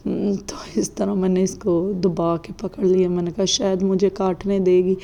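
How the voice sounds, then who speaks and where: A woman's voice: lowish voice, level tone, normal speed, vocal fry, mellow, rough recording. A woman, chatting casually in a home vlog and quoting her children. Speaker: mother and family vlogger.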